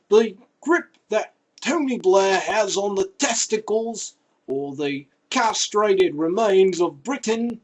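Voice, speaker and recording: Parody news anchor, slow delivery, medium pitch, sarcastic, mock-serious, scripted headlines with crude asides. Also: poor audio.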